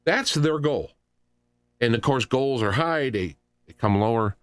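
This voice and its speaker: Hosting a radio talk show, a middle-aged or older American man launches into an unscripted political rant, animated, argumentative and emphatic. His medium-pitched voice is smooth and unhurried. The recording is dry, with clean studio sound.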